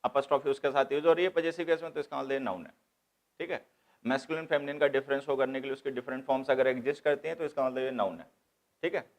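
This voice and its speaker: A man's voice: mid-range voice, very fast. A man teaching English grammar to exam students, explaining step by step and repeating key points. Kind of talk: classroom lecture.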